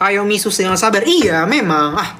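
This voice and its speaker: A man's voice: sits high, very animated, normal speed, bright, forceful tone, a little hiss or hum. A man, live streaming in casual chat, reading viewer comments aloud and answering with playful mock grumbling.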